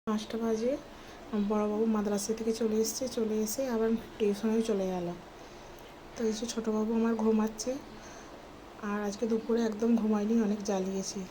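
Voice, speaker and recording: Mom in her 30s vlogging at home, chatty, lots of fillers, soft voice sometimes, noisy background. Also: mid-range voice, little pitch movement, brisk. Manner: chatty, filler-heavy, talks softly at times so the baby keeps sleeping. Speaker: vlogger and mother. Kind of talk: casual home vlog narration. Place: small home, indoors. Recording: home recording with clear background noise.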